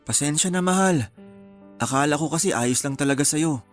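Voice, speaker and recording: An actor playing a young husband and new father who apologizes gently to his upset wife in a radio drama. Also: fairly high pitch, normal speed, faint music behind, natural voice. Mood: defensive.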